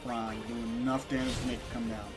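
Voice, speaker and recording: A man's voice: medium pitch, little pitch movement, quick pace. A young man casually commenting on a video game stream, joking and teasing his co-host. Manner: joking, laughing often, teasing. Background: game music.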